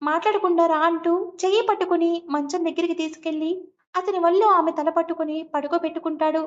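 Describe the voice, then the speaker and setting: Very high-voiced woman reading a story. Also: steady tone, brisk, lo-fi sound. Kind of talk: scripted narration of a romance story.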